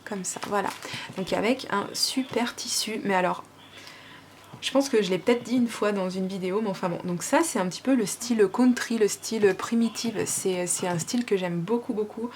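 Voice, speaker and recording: A woman's voice: mid-range voice, moderate pace, a little mellow, slight background noise. A woman vlogger with a French accent, gushing and chatty as she unboxes gifts, with many fillers. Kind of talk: casual unboxing chat.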